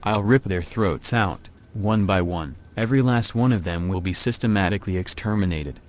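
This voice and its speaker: A man's voice: low-pitched, moderate pace, lightly acted. A synthetic male text-to-speech voice playing a menacing, vengeful vampire in a video game, speaking in curt lines. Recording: faint background noise.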